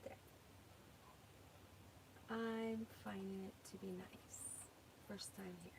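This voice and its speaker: With a Minnesota accent, an American woman runs a laid-back livestream, going through viewer comments and talking through her searches. Her voice is mid-range, creaky, and level, delivered at a slow pace, with faint noise in the background.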